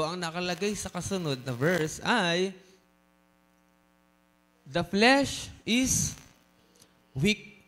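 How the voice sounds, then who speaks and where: A man preaching a sermon in a lively, teasing way, mixing in English phrases and joking asides to the congregation. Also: high voice. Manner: mixes Tagalog and English. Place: church service.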